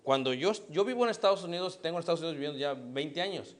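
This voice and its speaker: Middle-aged Mexican male preacher, slightly high voice, questions and answers his own points. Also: lively intonation, rapid-fire. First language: Spanish. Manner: asks the congregation questions and answers them himself. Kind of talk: sermon.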